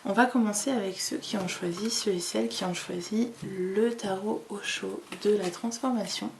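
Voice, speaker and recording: A woman giving a card-reading guidance in a calm, hesitant way, with many fillers, seated at a table with her cards. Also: medium pitch, normal speed, gravelly, a little hiss or hum. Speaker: tarot reader.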